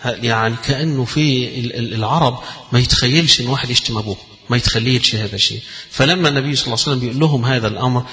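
A man's voice: medium pitch, very fast, pushed and bright. A man with an Egyptian accent giving a religious lesson. He moves between classical recitation and colloquial explanation and raises his voice when quoting. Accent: Egyptian Arabic. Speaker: Islamic scholar teaching hadith. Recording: long hall reverb.

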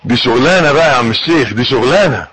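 A man with an Egyptian Arabic accent teaching how to pray, coaxing his listeners and demonstrating each step, with a husky voice. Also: mid-range voice, animated, rapid-fire, fairly bright tone, low-quality recording. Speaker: religious teacher.

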